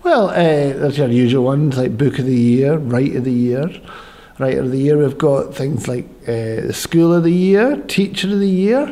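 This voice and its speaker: A man's voice: mid-range voice, expressive, moderate pace, dark tone. A Scottish man chatting casually as an interview guest, speaking with earnest enthusiasm. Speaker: arts organisation director, interview guest.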